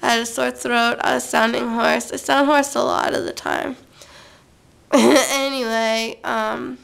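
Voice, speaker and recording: Her voice sits on the high side with little pitch movement, a measured pace, and a creaky, smooth, fairly bright tone. She's a young woman vlogging into a camera mic, chatty and tangent-prone, filling a loose monologue with fillers.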